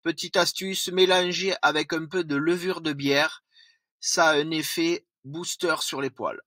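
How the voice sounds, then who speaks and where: A man presenting a product review vlog, reading through points with slips and quick self-corrections. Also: on the high side, fairly even intonation, bright, forceful tone, dry recording.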